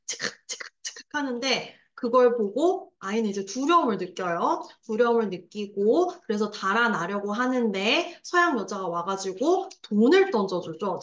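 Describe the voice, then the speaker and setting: A woman teaching a literature lesson online, explaining a story passage in a lively way, acting out scenes and chatting aside with her students. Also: medium pitch, roomy sound. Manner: lively, acts out scenes with sound effects and voices. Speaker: Korean language teacher.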